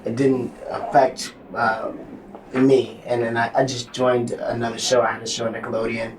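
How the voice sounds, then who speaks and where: A man, an actor on a convention panel, speaking easygoing with "uh" pauses. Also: medium pitch, flat delivery. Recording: roomy distant mic with faint noise.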